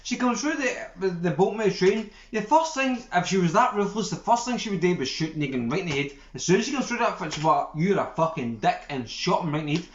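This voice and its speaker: A man co-hosting a podcast in casual chat, animated and sweary, often talking over his co-host. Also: high-pitched, fast, hardly any pauses. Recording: dull echoey room recording.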